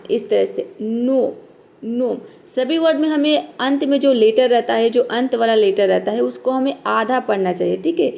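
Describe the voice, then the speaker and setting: Young woman, English teacher, patient explaining, repeats words, slightly high voice, gravelly. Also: a little mellow. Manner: patient, repeats words slowly, says "theek hai" often. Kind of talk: explaining spelling rules to viewers.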